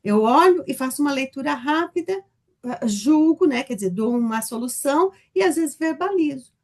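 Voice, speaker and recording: Woman, group discussion, somewhat high voice, lively, laughs often. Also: moderate pace. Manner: lively, laughs while telling examples. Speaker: Bible study participant.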